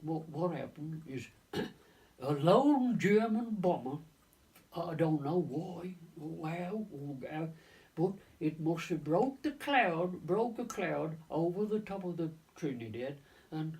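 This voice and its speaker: Recorded from a distance, a gravelly man in his nineties reminisces about serving in the navy during the war for an oral history. His voice sits on the high side, expressive and slightly mellow. He halts often, restarts, repeats words, and falls back on "of course" and "lo and behold."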